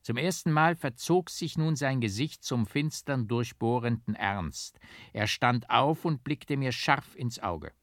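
A man reading a story aloud as an audiobook, measured and dramatic. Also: medium pitch, lively intonation, fairly bright tone, no echo, studio quality. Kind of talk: audiobook narration.

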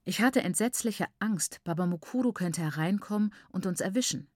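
A woman narrating an audiobook in a measured, even storytelling manner. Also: lowish voice, no room sound, studio quality.

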